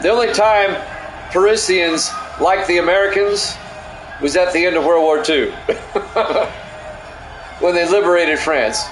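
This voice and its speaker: A middle-aged man hosting a stream and calling simulated football plays in a measured, matter-of-fact way, with casual asides. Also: high voice. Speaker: play-by-play announcer and stream host. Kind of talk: simulated football play-by-play commentary. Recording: echoey room with steady background noise.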